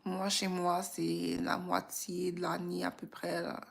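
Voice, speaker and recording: With a Québécois French accent, a woman from Quebec, Canada chats as a livestream host, reflective and informal. Her voice sits on the low side and is creaky, the delivery completely flat, and she thinks aloud without hurrying.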